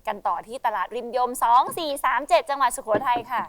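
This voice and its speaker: A woman hosting a travel and food show at an outdoor market, chatty and excitable as she talks to viewers and vendors. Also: on the high side, fast talker, slight background noise. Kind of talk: upbeat presenting to viewers.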